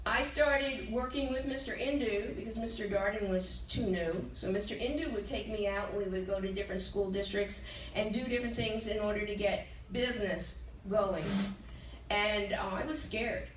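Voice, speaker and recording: An older woman with a medium-pitched voice recounts her life to an audience at a sales training event, talking at a normal pace. Her telling is frank and emotional, sprinkled with laughter, and the distant mic in the large, echoey room picks up slight background noise.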